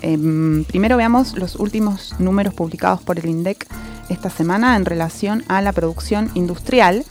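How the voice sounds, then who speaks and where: A woman, co-hosting a radio show and reading economic commentary in a measured voice that stresses key numbers. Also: lowish voice, a little mellow, soft background music.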